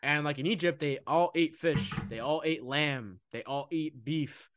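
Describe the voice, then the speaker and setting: A young man talking casually about food and nutrition in a podcast conversation, animated, often slipping into mocking voices. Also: on the high side, unhurried, background noise. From United States.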